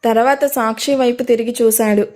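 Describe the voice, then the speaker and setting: A woman tells a dramatic audio story in a steady storytelling voice that sits a little high for a woman. She reads the scenes straight and lifts her pitch whenever a character speaks. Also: a little fast. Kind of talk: scripted narration of an audio story.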